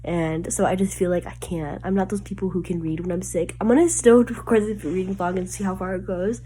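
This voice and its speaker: This book vlogger, a young woman speaking from home, has a congested, sick-sounding nasal voice that sits low, dark, and steady, moving a little fast over slight background noise. Her casual chat rambles, full of fillers and constant "like"s.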